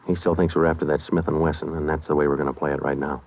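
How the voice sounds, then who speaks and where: A man's voice: extremely low pitch, little pitch movement, very fast. An American man playing a stoic police detective narrating his case in a clipped, matter-of-fact way in a 1950s radio crime drama. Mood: businesslike, deadpan. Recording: muffled vintage radio recording with music.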